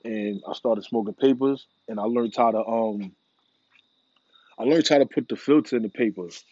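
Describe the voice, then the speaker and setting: A male vlogger rambles casually about smoking, laid-back, profane and heavy on slang. His mid-range voice has a darkish tone at normal speed. The audio is dull, with no echo.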